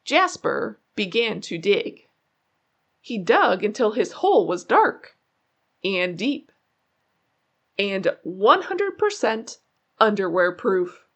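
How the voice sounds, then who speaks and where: A woman reading a children's story aloud in an expressive way, drawing out key words for suspense. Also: medium pitch, slow pace, long pauses, muffled recording. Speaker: children's book narrator. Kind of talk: animated read-aloud storytelling.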